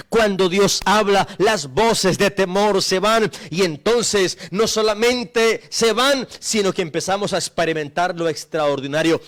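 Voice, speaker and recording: High-voiced emphatic preacher. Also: male voice, fairly bright tone. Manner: emphatic preaching, repetitive cadence. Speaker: pastor. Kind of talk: sermon.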